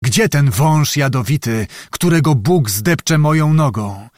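A man's voice: a little high, lively intonation, takes it slowly, darkish tone, no echo, clean studio sound. A man voicing a fat, haughty khan who gives curt commands. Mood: wrathful.

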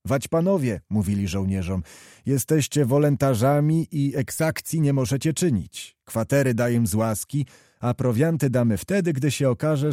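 Male reader doing a hot-tempered young nobleman, cocky and defiant, mellow, dry. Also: medium pitch, no echo, natural voice. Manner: swaggering, defiant. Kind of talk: audiobook character reading.

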